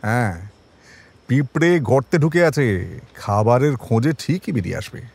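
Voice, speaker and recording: Here the same actor's world-weary, shrewd senior detective sounds calm and decisive, still measured, wry, and colloquial in a crime audio drama. The voice is medium in pitch with lively intonation, creaky and darkish, carrying a breathy edge.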